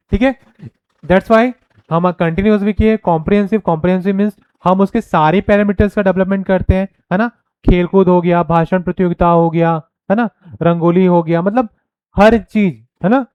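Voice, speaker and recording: A man giving a recorded pedagogy lecture, explaining point by point and checking in with listeners, reading headings slowly. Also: high voice, clear, resonant tone, no echo, highs cut off. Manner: reads headings slowly and deliberately. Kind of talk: recorded lecture, mixing Hindi and English.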